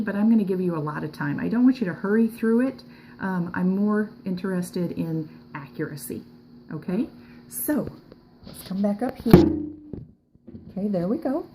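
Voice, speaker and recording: A woman's voice: mid-range voice, warm tone, slight background noise, rough recording. A woman teacher talking casually through a math lesson, with lots of fillers and frequent "okay"s. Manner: chatty, filler-heavy, says okay often. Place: outdoors in a backyard, then recording a screen lesson.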